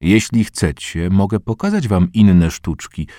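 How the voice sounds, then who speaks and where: A man voicing a friendly, smooth-talking adult male stranger who coaxes in an easy tone, in an audiobook reading. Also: sits low, animated, unhurried, mellow, no echo, studio quality. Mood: coaxing. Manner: coaxing, easygoing.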